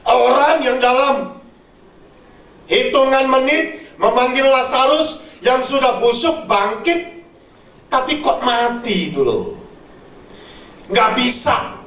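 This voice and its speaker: A man's voice: very high-pitched, animated, slow pace, pauses often, a bit bright. A man preaching a sermon who keeps calling his listeners "brothers and sisters". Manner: addresses listeners as "saudara". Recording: echoey room, mic from far off.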